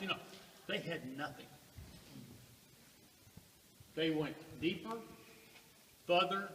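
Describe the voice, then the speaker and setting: Cave echo around a forceful man guiding. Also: a little high. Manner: projecting to a group, with emphatic pauses and rhetorical questions. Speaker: cave tour guide. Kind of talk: guided tour talk to a group. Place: large underground cave. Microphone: distant camera among the tour group. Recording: echoing cave, distant mic, faint noise.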